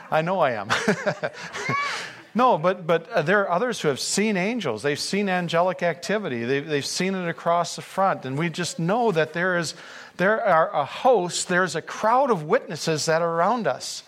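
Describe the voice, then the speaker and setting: Man, pastor, sermon, high voice, earnest, fervent. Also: expressive, measured pace, a bit bright. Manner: earnest, rising to fervent emphasis.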